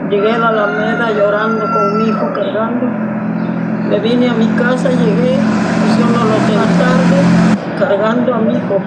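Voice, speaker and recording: An older woman with a Mexican Spanish accent, a church member, gives spoken testimony in a slightly high voice. She tells her story plainly, often calling her listeners brother, and the recording is rough.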